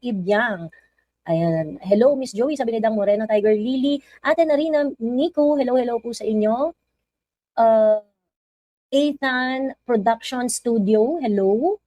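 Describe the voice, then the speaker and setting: A woman with a Filipino accent chats casually on a live stream, greeting viewers and reading their comments aloud. Her voice is mellow and warm. The sound is dry and close to the mic. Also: fairly high pitch, no room sound, poor audio. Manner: chatty, code-switching, reads viewer comments aloud.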